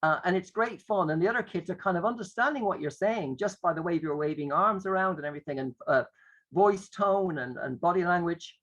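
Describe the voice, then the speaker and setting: A man's voice: high-pitched, fairly quick, fairly bright tone, poor audio. A man who teaches drama, explaining a classroom exercise in a conversational, playful way and often acting out what the teacher says. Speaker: drama educator.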